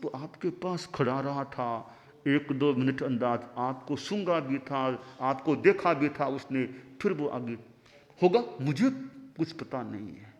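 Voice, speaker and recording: A man's voice: medium pitch, expressive, takes it slowly, pitched below the performer's own voice. A man voicing a teenage boy disciple who is eager and a bit cheeky, speaking in an earnest, pleading way. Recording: long hall reverb.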